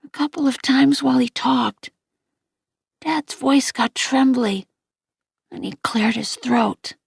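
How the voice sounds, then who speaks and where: A woman reading a novel aloud in a gentle, unhurried way. Her voice is fairly high with a gravelly, husky edge, and the recording is dry and close. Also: no room sound. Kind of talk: audiobook narration.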